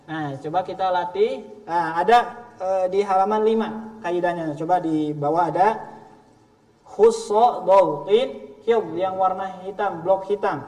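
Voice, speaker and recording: A man's voice: high voice, darkish tone. A man with a Sundanese accent teaching Quran recitation in a mosque, patiently drilling letter sounds and asking students to repeat. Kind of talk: tajwid class with drills. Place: mosque hall, indoors. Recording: long reverb of a large hall.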